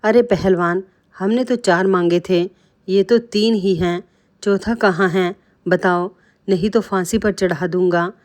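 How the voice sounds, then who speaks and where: A woman's voice: medium pitch, fairly even intonation, unhurried, lightly acted. A woman reading aloud the lines of a greedy, scheming male king in a storybook tale, in worried and bossy dialogue close to her own narrating voice.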